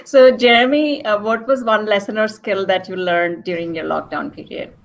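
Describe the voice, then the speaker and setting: A woman hosts a webinar panel in a friendly way and asks each guest questions in turn. Her voice is mid-range in pitch. The video call audio sounds slightly muffled. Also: moderate pace, slight background noise. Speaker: webinar host.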